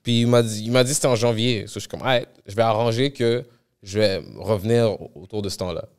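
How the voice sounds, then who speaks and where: A Montreal musician answering interview questions in relaxed, slangy Québécois French, often switching into English. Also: on the low side, brisk, clean tone. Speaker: musician guest. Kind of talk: casual interview chat.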